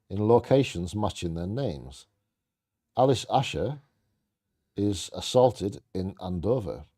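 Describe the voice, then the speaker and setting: A man with a mellow, lowish voice co-hosts a bingo game. He reads scripted trivia aloud, telling it in a playfully theatrical, storytelling style.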